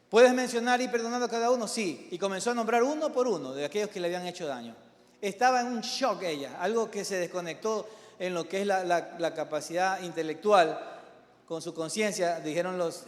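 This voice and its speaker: A middle-aged man, a pastor, preaching a sermon to his congregation, with emphatic exhortation and softer spoken storytelling. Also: high voice. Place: large church hall. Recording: live church hall with long reverb.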